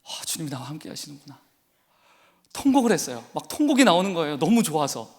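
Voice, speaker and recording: A man's voice: a little high, big pitch swings, fast, darkish tone. A man preaching a sermon as pastor, telling an emotional personal testimony and rising into fervent exhortation. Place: church sanctuary. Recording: long church hall reverb.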